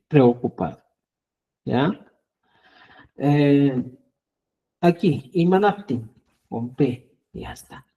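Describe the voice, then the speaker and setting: A male teacher, explaining grammar in an online lesson and often checking in with a quick "¿ya?". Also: mid-range voice, dark tone, low-quality recording. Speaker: Quechua language teacher.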